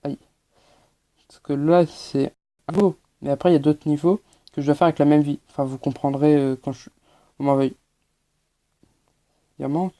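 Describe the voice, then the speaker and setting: A man's voice: fairly high pitch, flat delivery, normal speed, pauses often, dark tone. A man giving hesitant, explanatory gameplay commentary as a channel host, with many fillers.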